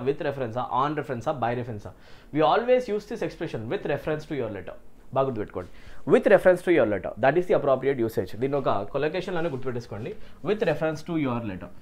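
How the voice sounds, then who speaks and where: Male English tutor, Indian English accent, slightly raised pitch, very animated up-and-down delivery, slows for key phrases, races the rest, keeps checking in with the class. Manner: mixes Telugu and English, checks in with "right?" and "okay?"; slows down to stress English phrases, speeds through explanations. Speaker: English teacher. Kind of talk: exam question walkthrough.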